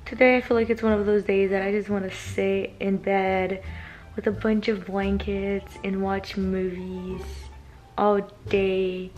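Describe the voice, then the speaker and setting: A woman's voice: medium pitch, little pitch movement, a little slow, a little mellow, lo-fi sound. A young woman vlogger chatting to her viewers in a bubbly, giggly way. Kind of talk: casual vlog chat. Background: background music.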